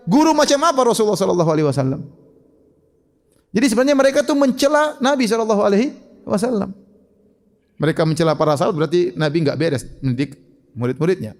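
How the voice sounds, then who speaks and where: A man's voice: high-pitched, big-room sound. A man giving an emphatic religious question-and-answer lecture, full of rhetorical questions. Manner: emphatic, rhetorical questions, shifting loud and soft. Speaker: Islamic preacher.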